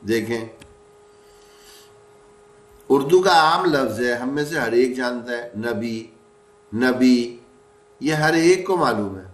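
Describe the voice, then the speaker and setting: A man teaching a recorded lesson on recitation, patient, asking rhetorical questions and slowly stretching out example words. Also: mid-range voice, lively intonation. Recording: echoey room, mic at a distance.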